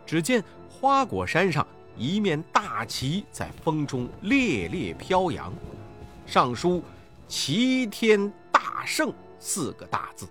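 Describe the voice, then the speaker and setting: A man narrating a classic children's story in an expressive, sing-song way. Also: a little high, slow pace, soft background music.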